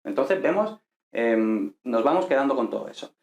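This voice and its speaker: A man's voice: medium pitch, animated, moderate pace. A man teaching a grammar lesson patiently, thinking aloud and checking in with listeners as he goes. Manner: patient, thinks aloud with fillers and tag questions. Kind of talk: explaining Greek grammar. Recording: echoey room.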